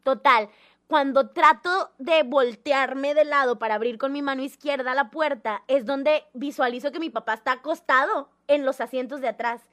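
A young woman, telling a personal story in a casual, animated and dramatic way. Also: high voice, moderate pace. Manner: animated, dramatic, acts out the voices in her story.

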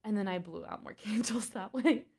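A woman in her twenties, a podcast guest, chatting casually and telling animated, giggly stories. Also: medium pitch, normal speed, husky. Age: 20s. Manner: animated storyteller, giggly, says "like" a lot. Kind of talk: casual chat.

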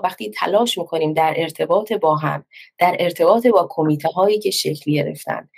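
Deep, gravelly-voiced woman on a panel. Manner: measured and thoughtful, pausing to search for words. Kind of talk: panel talk.

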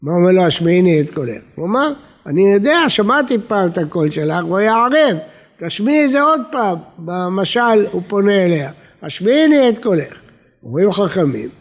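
A man giving a Torah lesson as a rabbi, speaking expressively with rising and falling emphasis. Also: sits high. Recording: long reverb of a hall.

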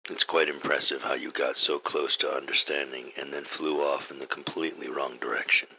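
Very deep, menacing theatrical villain mastermind. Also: male voice, flat delivery, brisk, bright, forceful tone, muffled recording, full character voice. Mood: smug menace. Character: pompous, exasperated male villain mastermind of evil professorial henchmen. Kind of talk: comic radio drama acting.

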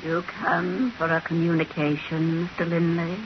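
An actress playing a mysterious female spirit medium in a 1940s radio drama, speaking in a hushed, commanding way. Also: lowish voice, little pitch movement, moderate pace, close to an everyday voice. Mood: solemn. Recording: roomy, dull old radio with hiss.

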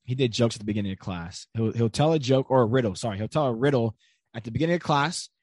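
A young man speaks as a podcast guest, earnest and relaxed, telling stories and leaning on filler words. His voice sits in a middle register. The recording is dry and close, with no room in it. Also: medium pitch, fast talker, dry recording. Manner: earnest, storytelling with lots of "like" fillers. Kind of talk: casual conversational interview.

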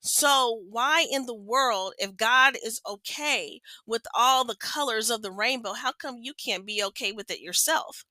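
A woman talks into her podcast mic in an earnest, impassioned monologue, repeating phrases to drive her points home. Her voice sits a little high and rings bright and forceful. The recording is close and dry, with almost no room sound. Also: a little slow, few pauses, no room sound, poor audio. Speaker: podcast host. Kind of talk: personal opinion monologue.

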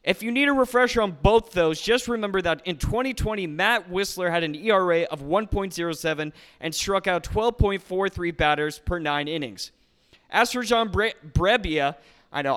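A man's voice: high voice, fairly bright tone, clean tone. A man hosting a solo sports podcast from a garage, speaking to listeners in an upbeat, announcer-like way through scripted commentary. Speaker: podcast host. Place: recorded in a garage.

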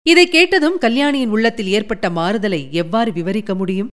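A woman narrates an audiobook with dramatic, emotive delivery. Her voice is smooth and resonant, at a middle pitch. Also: normal speed.

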